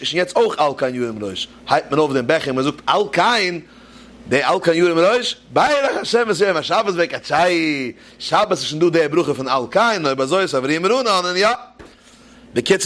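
A man's voice: fairly high pitch, fairly bright tone. A man giving a religious talk, telling jokes and asking rhetorical questions as he teaches. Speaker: preacher. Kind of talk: Yiddish-style Torah talk with jokes.

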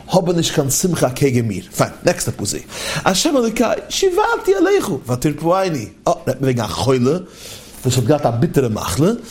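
A man gives a Torah lesson on the Psalms. He chants each verse in a lilting singsong and then explains it in a lively way. His voice sits a touch high for a man. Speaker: Torah teacher.

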